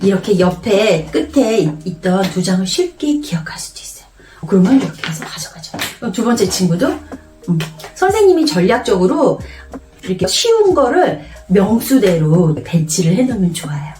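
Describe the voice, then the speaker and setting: A woman's voice: medium pitch, moderate pace. A woman teacher demonstrating a memory card game in a playful, classroom-style way. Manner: animated, playful teacher voice with exaggerated storytelling. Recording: roomy, a bit distant from the mic, faint music.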